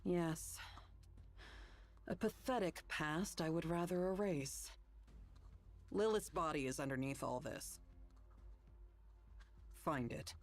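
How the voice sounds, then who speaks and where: A woman's voice: low voice, slow, long pauses, soft background music. A woman voicing a cold, blunt, weary fighter in a curt, dismissive manner. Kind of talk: video game voice acting.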